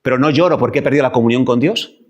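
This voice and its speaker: A male pastor preaching a sermon in a church, animated and acting out wailing complaints. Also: medium pitch, racing.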